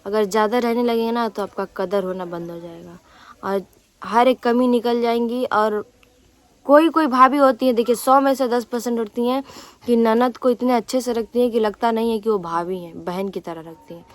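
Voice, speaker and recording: A woman's voice: fairly high pitch, normal speed, no room sound. A young woman vlogger talking casually to her viewers in an aggrieved, rambling way, with many restarts and fillers. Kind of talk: casual vlog talk to viewers.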